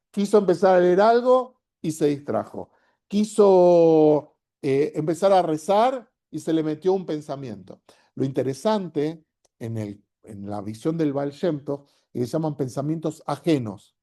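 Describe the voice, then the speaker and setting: Man, Rioplatense accent, rabbi teaching a class; mellow tone, casual lecture, acts out the inner voices he describes. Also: a little high. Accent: Rioplatense Spanish. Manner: conversational, checks in with frequent "¿sí?".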